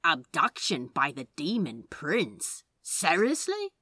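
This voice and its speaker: A woman's voice: lowish voice, expressive, unhurried, sharp tone, no room sound, clean studio sound, heavily acted. A woman voicing a sardonic male demon who drawls lazily and teases. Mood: teasing. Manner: lazy drawl, mocking.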